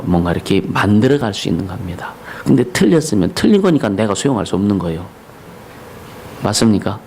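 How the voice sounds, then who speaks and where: A gravelly-voiced male pastor preaching in a church at a mid-range pitch. He keeps asking his listeners questions and rises into loud, ringing declamation on scripture. A faint background hiss sits under the voice. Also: rough recording. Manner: preaching with call-and-response questions to the congregation; loud, high declamation when reciting scripture and slogans. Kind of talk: sermon. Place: church sanctuary.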